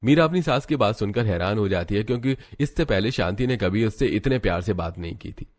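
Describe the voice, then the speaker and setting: Guy narrating a cartoon story, steady and plain, lowish voice. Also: a little fast.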